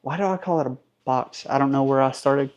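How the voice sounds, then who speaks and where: In his home garage, a Southern-accented car restoration vlogger in his thirties chats and cracks self-deprecating jokes as he works on a truck. He talks fairly quickly in a medium-pitched, a little mellow voice; the highs are cut off and there's slight background noise.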